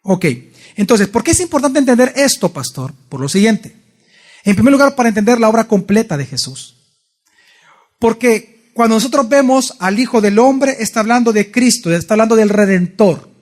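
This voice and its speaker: A pastor from El Salvador teaches a Bible study sermon in church, frequently putting questions to his congregation. His voice sits high, with a darkish tone, and he speaks expressively at a moderate pace.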